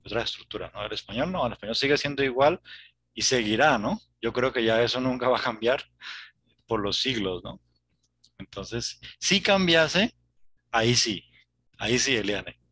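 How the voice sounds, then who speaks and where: A man's voice: mid-range voice, expressive, normal speed, bright, forceful tone, breathy edge. A man with a Latin American Spanish accent teaching a Spanish class over a video call, explaining and often checking with "¿no?". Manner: tags sentences with "¿no?". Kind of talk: online class conversation.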